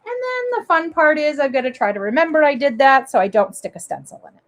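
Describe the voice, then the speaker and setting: A woman's voice: high voice, expressive, fast talker. A woman from Maine with a Maine accent, hosting a live papercraft demo and chatting to viewers as she works. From Maine, USA. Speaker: papercraft show host. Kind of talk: live crafting demo chat.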